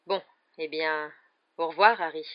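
A reader doing a gentle, weary male teacher. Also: mid-range voice, close to an everyday voice. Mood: kind. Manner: calm, quiet, measured. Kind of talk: audiobook character voice. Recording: slightly dull lo-fi recording.

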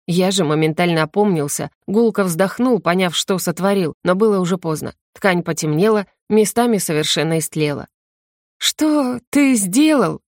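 A woman narrating a first-person audiobook in a steady, even storytelling manner. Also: fairly low pitch, a little fast, few pauses, no echo, studio quality.

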